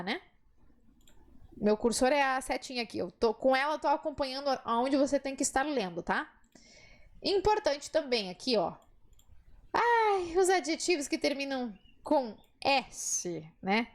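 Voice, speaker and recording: Lively high-voiced woman teaching. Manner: lively, encouraging, drawn-out model pronunciations. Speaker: Spanish teacher. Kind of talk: online language lesson.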